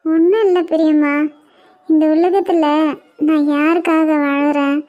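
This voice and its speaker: A woman's voice: high voice, steady tone, unhurried, mellow, muffled recording. A woman voicing a heartbroken young mother in a cartoon, crying and despairing, with a Kanyakumari Tamil accent. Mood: tearful, despairing. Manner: tearful, despairing, pleading. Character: heartbroken young mother rejected by her daughter. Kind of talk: cartoon web series voice acting.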